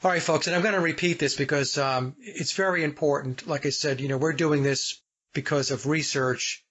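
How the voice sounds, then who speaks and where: A man from the United States hosting a podcast, speaking deliberately, guiding the talk and addressing his listeners directly. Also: a little high, steady tone, a bit bright. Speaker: podcast host. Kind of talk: casual podcast interview. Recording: dull lo-fi audio.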